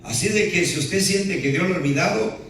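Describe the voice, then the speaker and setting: Pastor preaching in an echoey hall. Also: male voice, high voice, fairly quick, a bit bright, far from the mic. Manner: peppers speech with "¿verdad?" and playful asides. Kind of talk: sermon. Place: church sanctuary.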